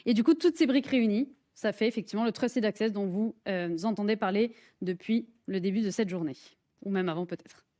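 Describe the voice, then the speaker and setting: A woman's voice: medium pitch, brisk, mellow. A woman with a French accent presenting a live hands-on workshop in a conference room, friendly and joking, with many fillers and restarts.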